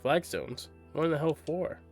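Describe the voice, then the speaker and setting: A man reading aloud and voicing a gruff, salty old grandmother who curses and teases. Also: a little high, moderate pace, faint music behind, close to an everyday voice. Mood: gruff teasing. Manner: brash, cursing, mock-scolding.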